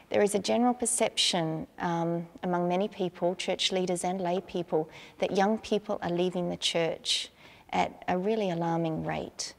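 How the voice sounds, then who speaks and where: A woman moderating a church youth focus group, asking calm, measured questions. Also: on the low side, gravelly. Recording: hall reverb.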